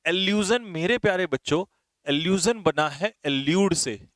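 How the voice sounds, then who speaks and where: A man's voice: sits high, lively intonation, a little slow, a bit bright, no room sound. A man teaching English vocabulary for an exam, often checking whether his students have understood. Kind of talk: exam vocabulary lesson in Hindi.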